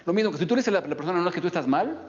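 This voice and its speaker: A man's voice: high-pitched, expressive, rapid-fire. A man giving a motivational self-help lecture, explaining patiently and checking in with "ok?" often. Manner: explanatory, frequent "¿ok?" check-ins. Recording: dull recording with long reverb.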